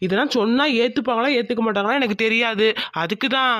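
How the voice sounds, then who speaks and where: A worried young husband short of money, from a cartoon, voiced by a woman. He pleads with exasperation in a slightly high voice. The recording is dry. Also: fast, fairly bright tone, dry recording, lightly acted. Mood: pleading. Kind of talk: cartoon voice acting.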